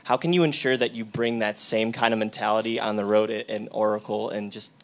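A male reporter puts direct questions to a player at a press conference. His voice sits a little low. He keeps his delivery plain. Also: steady tone, brisk.

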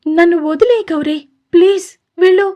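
A woman's voice: very high voice, moderate pace, dull audio, pitched above the performer's own voice. A woman voicing a young heroine in an audio story, pleading in a tired, exasperated way. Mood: weary.

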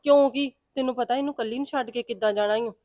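A woman plays a quick-tongued Punjabi village mother with a high, fast voice, nagging and insistent. Her voice is recorded close and dry, with no room sound. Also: a little mellow, no room sound, close to an everyday voice. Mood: scolding. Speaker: mother of grown son. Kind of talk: village drama acting.

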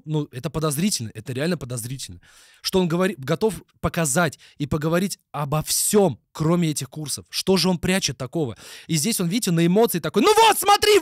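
A man's voice: fairly high pitch, no echo, clean studio sound. A man streaming live, ranting and mocking with constant swearing. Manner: heavy swearing, mocking, ranty. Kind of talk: live stream reaction rant.

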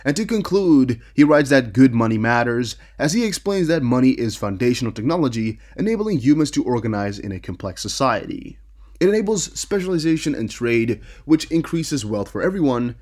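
Very animated and a bit fast, this young man's mid-range voice has a slightly mellow quality. Dutch is his first language, and as a crypto news YouTuber he reads and remarks on articles casually, stumbling and repeating himself often.

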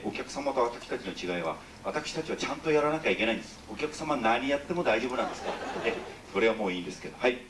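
Joking, overly polite stage entertainer. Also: male voice, medium pitch, noisy background. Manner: jokey, overly polite, teasing the audience. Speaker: entertainer leading an audience sing-along. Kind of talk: live stage banter with call-and-response singing. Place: ship's concert hall with an audience. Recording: roomy, distant live hall recording with music. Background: instrumental music.

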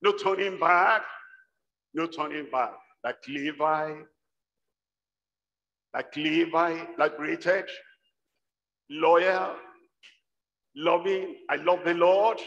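An older man preaches at a lectern in a large church hall, his lines repeating in a steady rhythm and swelling into shouts. His voice sits a little high. The sound is a dull livestream capture with long reverb from the hall. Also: extremely slow, gravelly, pauses often. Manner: rhythmic, repetitive exhortation building to shouts. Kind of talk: sermon.

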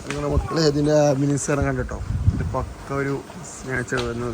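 A man's voice: mid-range voice, little pitch movement, brisk. Guy doing a chatty family travel vlog, malabar malayalam mixed with english, slangy and repetitive, bit of background noise. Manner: informal, exclamatory, repeats slang words. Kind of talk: casual vlog chat mixing Malayalam with English words. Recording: noisy handheld vlog with background ambience.

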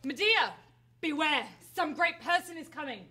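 Urgent chorus woman, high sharp voice, stage tragedy, young actress playing her. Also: animated, moderate pace. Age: young adult. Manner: urgent, warning. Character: watchful chorus woman of the city.

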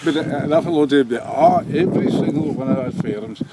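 A man's voice: fairly high pitch, brisk. A man in his seventies with a broad Doric accent from northeast Scotland, chatting casually outdoors. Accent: broad northeast Scottish Doric. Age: 70s. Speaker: local farmer. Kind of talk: casual chat. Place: outdoors by a farm building site. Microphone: camera a step or two away. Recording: windy, noisy outdoor camera audio.

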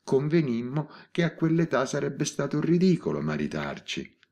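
A man reading an audiobook voices an elderly spinster in her eighties who calmly and matter-of-factly confesses. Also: medium pitch, normal speed, pitched above the performer's own voice. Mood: recounting. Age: 80s. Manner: composed, matter-of-fact confession. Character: elderly spinster woman, calm and unrepentant.

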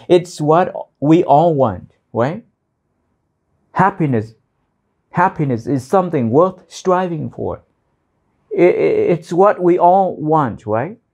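A man's voice: a little high, gravelly, darkish tone. A male teacher explaining and repeating English phrases one by one, drilling their pronunciation and meaning.

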